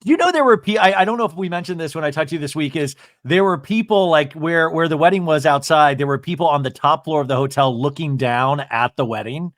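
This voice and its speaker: A man's voice: a little high, fast talker, hardly any pauses, fairly bright tone, dry recording, studio quality. A man hosting a podcast in casual chat, effusive and gossipy, rambling from one thought to the next. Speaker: podcast host.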